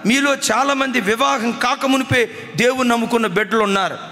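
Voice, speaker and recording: A man's voice: very high-pitched, brisk, bright, forceful tone. A man with a Telugu accent preaching a sermon with passion, often acting out the words of a weeping mother. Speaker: pastor. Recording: long hall reverb from a church.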